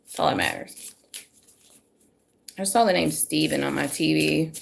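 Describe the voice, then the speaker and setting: A woman, going a bit hoarse, chatting to viewers as she gives a casual live tarot reading into her phone at home. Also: deep voice, sing-song, a little slow. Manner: chatty, self-deprecating, talks to viewers. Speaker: tarot reader.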